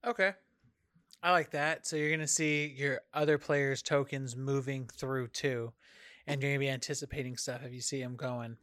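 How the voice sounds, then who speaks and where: A man's voice: medium pitch, steady tone, normal speed, fairly bright tone. A man co-hosting a casual podcast chat, mostly giving short, encouraging replies. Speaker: podcast co-host.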